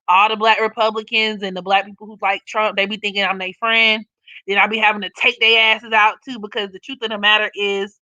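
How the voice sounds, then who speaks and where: Reading comments on her live stream, a young woman talks loosely and bluntly, swearing and laughing often. Her naturally raspy voice is medium-pitched, bright and forceful, and the lo-fi home audio is dry, slightly dull, with no room sound.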